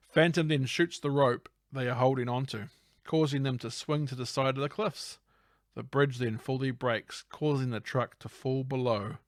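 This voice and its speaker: A man's voice: medium pitch, no echo, clean studio sound. A man co-hosting a casual film podcast, narrating scenes playfully. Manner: playful narrating recap, breaks into silly voices. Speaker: podcast co-host.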